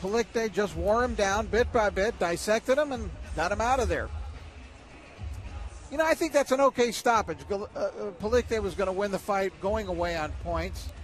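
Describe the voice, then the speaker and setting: Male boxing commentator, high voice, analytical live sports delivery over loud background music. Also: normal speed.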